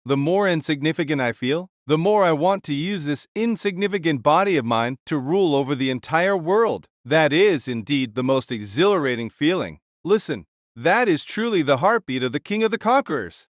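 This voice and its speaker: A man's voice: on the high side, animated, normal speed, dry recording, studio quality, close to an everyday voice. A man playing a huge, boisterous warrior king spirit in an audio drama, speaking in a bold, jovial, boastful way. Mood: exuberant, proud. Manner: hearty, bold, grandiose. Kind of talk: dramatised audio story dialogue.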